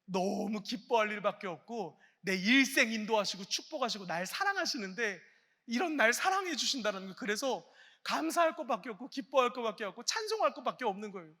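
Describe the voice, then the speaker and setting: A man preaching a sermon as a guest pastor, earnest and encouraging. He moves between hushed, almost whispered lines and loud exclaiming calls to the congregation. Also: extremely high pitch, animated, brisk. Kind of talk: sermon at a Friday night prayer meeting. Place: large church sanctuary. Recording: long reverb of a large church hall.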